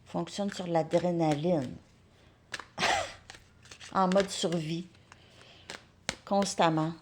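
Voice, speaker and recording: A woman's voice: on the low side, fairly even intonation, very slow, noisy background. A woman, talking casually and thinking aloud with restarts and chuckles as she reads out advice.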